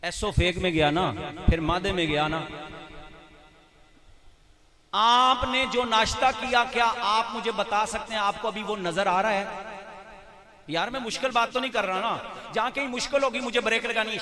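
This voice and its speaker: A man, preaching a sermon at a large religious gathering, questioning the crowd and building up to loud, chanted repetition. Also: high voice, normal speed, pauses often. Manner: engages crowd with call-and-response questions. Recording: live event with crowd.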